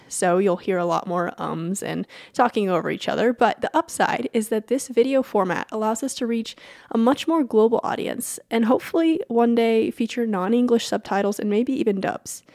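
A woman's voice: on the high side, a little mellow, no echo, clean studio sound. A woman podcast host who reads her show's announcements and introduction, then chats with a guest, talking in a chatty way, apologizing and laughing easily. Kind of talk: scripted podcast intro and casual interview.

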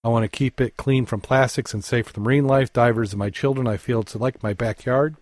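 A man co-hosting a podcast, reading dive news articles aloud and chatting, halting with fillers and self-corrections. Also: mid-range voice, steady tone, no room sound, studio quality. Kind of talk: casual news reading and chat.

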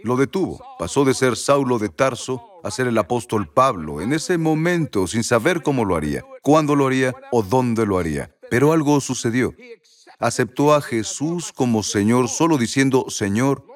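A man's voice: medium pitch, lively intonation. Man preaching an emphatic sermon. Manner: slow, emphatic reading with repeated words for stress. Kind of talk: sermon teaching from scripture.

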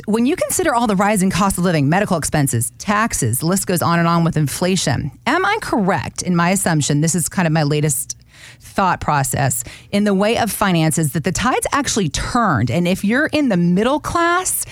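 A woman hosting an interview about financial planning, upbeat and quick to laugh. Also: on the low side, dry recording. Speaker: host.

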